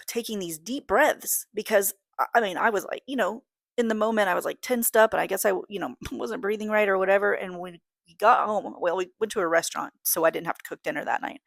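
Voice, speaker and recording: A woman's voice: mid-range voice, creaky, fairly bright tone, no echo, studio quality. A woman in her thirties hosting a casual solo podcast, talking in a rambling, candid way that often breaks off and restarts. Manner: rambling, self-interrupting, candid. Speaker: podcast host.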